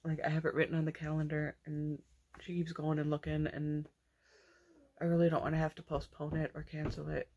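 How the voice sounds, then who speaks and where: A young woman with a low-pitched voice talks casually to her viewers about her crochet makes. She rambles and restarts her sentences often, in an easygoing home-vlog manner. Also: monotone, brisk, dark tone, dull audio, a little hiss or hum. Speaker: crochet vlogger. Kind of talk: casual chat.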